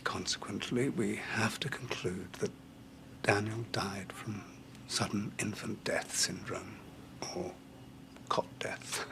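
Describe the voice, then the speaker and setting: An actor playing a calm doctor who gently breaks hard news in a TV drama, in a measured, careful way. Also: male voice, lowish voice, vocal fry, whispered. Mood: grave, gentle. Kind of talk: TV soap drama.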